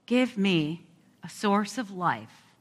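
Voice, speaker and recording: A woman pastor praying slowly and reflectively during a service, her voice carrying the long echo of a large church. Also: mid-range voice, sing-song. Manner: slow, reflective, heartfelt praying. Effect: long echo of a large church hall. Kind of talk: spoken pastoral prayer. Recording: reverberant church sanctuary.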